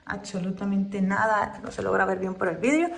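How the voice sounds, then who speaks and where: A frightened woman narrates phone-camera video of a haunting in her bedroom at night, asking who is there and anxiously saying the same things over. Her mid-range voice is fast, sing-song, and creaky, with reverberant, poor-quality audio.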